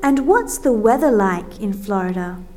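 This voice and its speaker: An Australian woman presenting a scripted language-lesson dialogue, speaking carefully and clearly for learners. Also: mid-range voice, lively intonation, a little mellow, slight background noise. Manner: slow, carefully articulated, as if for learners.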